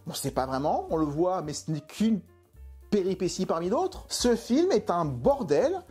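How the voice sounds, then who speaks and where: A man's voice: high-pitched, very animated, a little slow, a little mellow, husky, soft background music. A man reviewing a film in an exasperated, emphatic way, full of rhetorical questions. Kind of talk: opinionated video film review.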